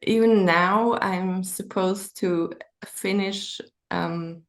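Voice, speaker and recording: A woman with a Swiss German accent talks as an author being interviewed. Her voice has a gravelly creak and fairly even intonation. She pauses and searches for words as she thinks aloud. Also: mid-range voice. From Switzerland. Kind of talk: conversational interview.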